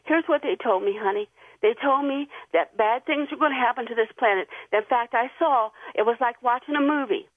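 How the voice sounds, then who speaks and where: A woman's voice: on the high side, fairly quick, dry recording. Woman on a tinny phone line. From Tennessee. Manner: rambling, nervous, earnest storytelling. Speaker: radio show caller. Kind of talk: call-in radio chat.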